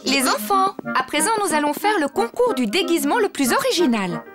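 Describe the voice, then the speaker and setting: A woman voicing a gentle, encouraging mother pig in a children's cartoon. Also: high voice, big pitch swings, a little fast, over music. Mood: reassuring, lively.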